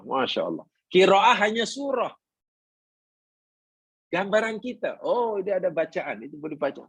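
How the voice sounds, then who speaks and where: A man's voice: a little high, a bit bright, slightly rough, no room sound. A man with a Malaysian Malay accent teaching a Quran class, explaining patiently, repeating his points and asking the congregation questions. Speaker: religious teacher.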